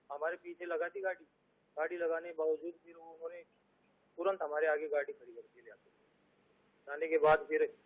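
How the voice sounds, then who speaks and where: A man from Rajasthan answering a reporter's questions at a police station, speaking quietly and hesitantly. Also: on the high side. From Rajasthan, India. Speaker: interviewee. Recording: husky voice over a tinny phone line.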